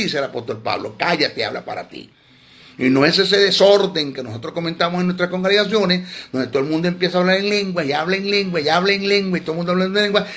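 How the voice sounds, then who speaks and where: A man's voice: fairly high pitch, a bit bright. A man teaching theology in a sermon, emphatic and scolding, often repeating words.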